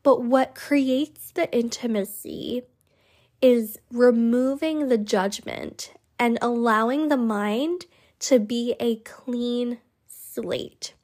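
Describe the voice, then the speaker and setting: A woman hosting a solo self-help podcast in a measured, emphatic way, her voice nasal and slightly congested from a cold. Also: on the high side, darkish tone. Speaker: podcast host.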